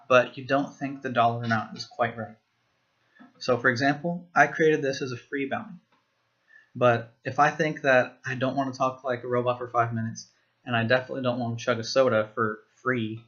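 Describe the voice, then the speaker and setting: A man giving a screen-recorded software walkthrough, explaining each step plainly. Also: medium pitch, lo-fi sound. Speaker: software demo presenter.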